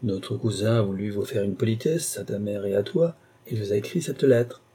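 A man's voice: on the low side, moderate pace, warm tone, slightly rough. A man reading an audiobook who voices an irascible, pompous older uncle in an overbearing, indignant manner. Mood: blustering.

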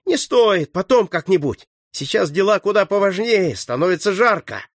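A plucky boy sidekick jokes and brushes things off in a jaunty way, as a male reader puts him on. The voice is lifted well above the reader's normal pitch. The recording is close and dry. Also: big pitch swings, normal speed, no echo. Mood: joking bravado. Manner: jaunty wisecracking.

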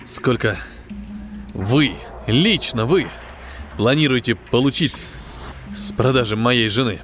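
A man reading an audiobook, voicing a grim male starship captain who speaks curtly and gruffly, holding back anger. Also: mid-range voice, a little fast, faint music behind, close to an everyday voice. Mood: curt, angry. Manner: curt, gruff, barely restrained anger.

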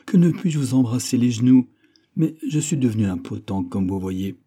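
Guy doing a fat old servant, fussy and whiny, raised voice, dark husky tone. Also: medium pitch, normal speed. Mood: plaintive. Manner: excitable, plaintive exclamations. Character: fat elderly male servant, fussy and sentimental.

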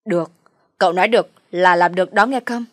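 A woman voicing a scheming middle-aged mother who laments loudly and theatrically. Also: fairly low pitch, quick pace, no echo, studio quality, natural voice. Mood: pressing.

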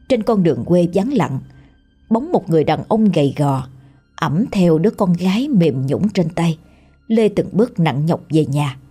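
A woman with a Southern Vietnamese accent narrating a scripted horror story in a steady, somber way. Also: on the low side, breathy edge.

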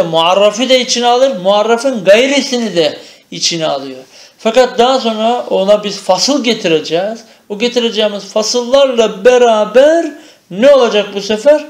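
A man teaching Arabic grammar in a traditional madrasa-style lecture, asking questions and answering them himself. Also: high-pitched. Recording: echoey room.

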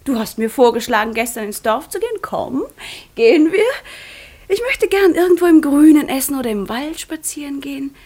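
A woman's voice: sits high, expressive, a little fast, mellow. An actress playing a proud young woman fresh from a convent in a radio drama, often dropping into a tense whisper. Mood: playful. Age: young adult. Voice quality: breathy. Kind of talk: studio radio drama acting.

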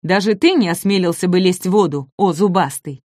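A woman's voice: fairly low pitch, brisk, darkish tone, no echo, clean studio sound, close to an everyday voice. A woman voicing a small, clever young male dinosaur in a children's storybook, sly and bold.

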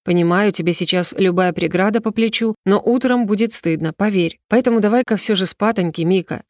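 A woman's voice: medium pitch, a little fast, dry recording, studio quality, natural voice. A woman doing a teasing young elf friend. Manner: easygoing and gently teasing.

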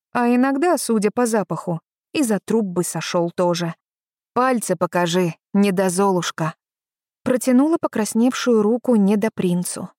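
A woman narrating a first-person audiobook in a lively, ironic storytelling manner. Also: mid-range voice, dry recording, studio quality.

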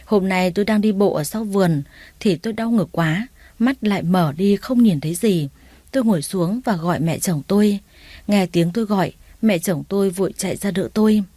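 A woman narrates a first-person story in a calm, even way. Her voice is mellow and low-key rather than bright. The sound is close and dry, with no room echo. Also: normal speed. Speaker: audiobook narrator.

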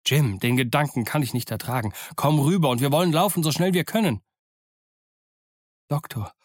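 A man's voice: mid-range voice, fairly even intonation, moderate pace, no room sound, studio quality, close to an everyday voice. A man voicing a kindly, stern middle-aged doctor in an audiobook, speaking with reproach and concern. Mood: urgent. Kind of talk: audiobook character voice.

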